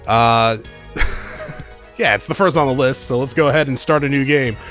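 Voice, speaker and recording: A man's voice: mid-range voice, normal speed, fairly bright tone, soft background music. A man hosting a let's play with casual, rambling commentary, often questioning himself. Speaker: let's player and host.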